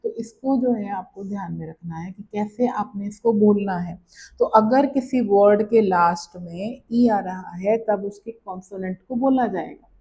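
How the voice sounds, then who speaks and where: A woman teaches pronunciation rules at an unhurried, deliberate pace. Her voice is mellow and somewhat dark in tone. She repeats each point patiently and checks in often with short "right?" tags, like a classroom tutor. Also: mid-range voice, gravelly, poor audio. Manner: patient and repetitive, restating each rule with frequent checks like "right?". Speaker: language teacher. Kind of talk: slow classroom-style explanation.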